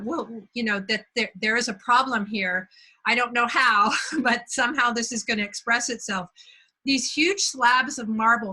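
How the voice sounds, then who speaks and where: Bright-voiced woman host from Belgium. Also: a little high, rough recording. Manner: reflective, unhurried, searching for words. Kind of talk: casual storytelling conversation.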